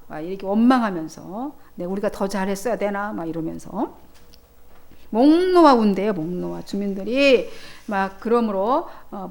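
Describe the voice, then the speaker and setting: A woman pastor preaching a sermon in a church, emphatic and swelling then dropping in volume. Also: mid-range voice.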